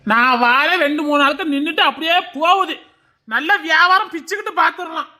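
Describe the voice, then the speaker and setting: A woman's voice: high-pitched, a little fast. A woman playing a scolding middle-aged male village shopkeeper. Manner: scolding, shouting. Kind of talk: village comedy-drama acting.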